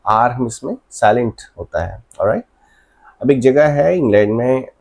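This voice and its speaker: A man's voice: medium pitch, dark tone. An Indian man teaching English in Hindi as a casual lesson, explaining step by step and often checking in with "alright?". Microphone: voice-over over a screen presentation.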